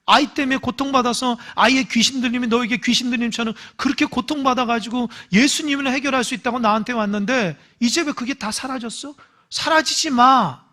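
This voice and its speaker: A male pastor giving a Sunday morning sermon, emphatic, swinging between loud calls and hushed asides and acting out voices in dialogue. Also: very high-pitched. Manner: acts out quoted voices in dialogue.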